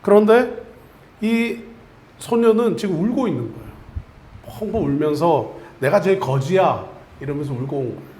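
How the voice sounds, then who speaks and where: A man's voice: high voice, lively intonation, normal speed, pauses often, dark tone. A male pastor preaching a Sunday sermon, telling a story to his congregation and leading them in repeating a phrase. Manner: storytelling preacher, leads congregation in call-and-response. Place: church sanctuary. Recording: echoey church sanctuary.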